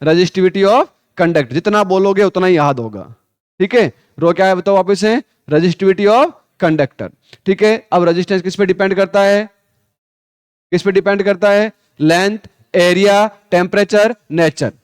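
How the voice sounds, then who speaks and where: A male physics teacher running a Hindi class lecture, quizzing students with repeated questions, calling them 'beta', and reading textbook lines slowly. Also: high voice, clean tone, no room sound, clean studio sound. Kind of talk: classroom lecture with call-and-response drills.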